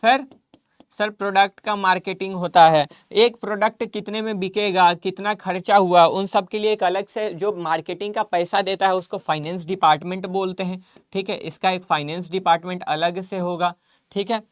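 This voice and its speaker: A man's voice: high-pitched, steady tone, normal speed, dry recording. A male commerce teacher giving a casual lecture, mixing in English terms and answering the questions he puts in his students' mouths. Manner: mixes Hindi with English terms, repetitive and coaxing. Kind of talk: classroom lecture.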